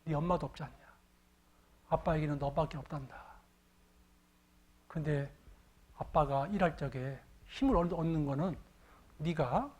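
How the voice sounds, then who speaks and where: A man voicing a tearful middle-aged farmer father who pleads softly and later shouts out his pride. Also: fairly high pitch, normal speed, long pauses, breathy edge, pitched below the performer's own voice. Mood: tender, tearful.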